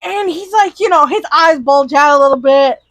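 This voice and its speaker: A woman's voice: sits high, moderate pace, fairly bright tone, dry recording, low-quality recording. A woman in casual chat, animatedly retelling a cartoon and acting out the characters' lines. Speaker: podcast co-host.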